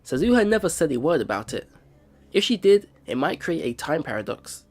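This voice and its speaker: A man reads visual novel narration during a let's play, performing it in a lively storytelling style. His voice sits a little high and his pace is fairly quick.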